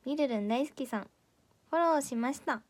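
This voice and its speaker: A woman's voice: high-pitched, fairly quick. A teenage girl with a Kansai accent, an idol audition candidate chatting casually on a livestream, playfully teasing as she reads viewer comments. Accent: Kansai Japanese.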